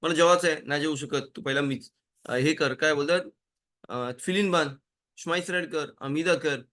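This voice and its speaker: A rabbi giving a casual Torah lesson, telling stories and acting out little dialogues in changing voices. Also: male voice, fairly high pitch, moderate pace. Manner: animated storytelling, acts out dialogues with changing voices. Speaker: rabbi teaching a Torah class.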